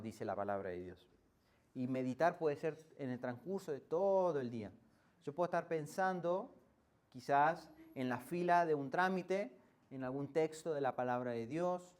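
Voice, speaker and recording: A man's voice: a little high, lively intonation, moderate pace, darkish tone. A male pastor with an Argentine accent preaching a sermon in a conversational way, often asking the congregation rhetorical questions and restarting phrases as he explains. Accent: Argentine Spanish. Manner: hesitant restarts while explaining. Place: church.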